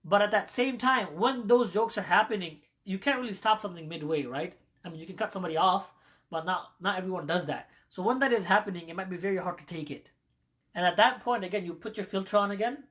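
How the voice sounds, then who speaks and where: A man's voice: sits high, quick pace, a bit bright. A man teaching an informal Islamic ethics class in a conversational way, often checking in with "right?" and acting out the voices of critics. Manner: acts out quoted voices of critics.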